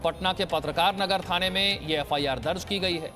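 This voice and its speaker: High-voiced male news anchor over music. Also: moderate pace. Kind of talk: scripted news narration. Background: music bed.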